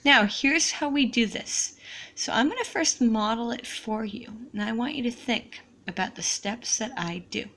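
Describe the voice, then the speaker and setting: A woman teacher walks young students through writing a sentence, speaking slowly and deliberately. Her voice is fairly high and bright, and she keeps an encouraging classroom tone as she models each step.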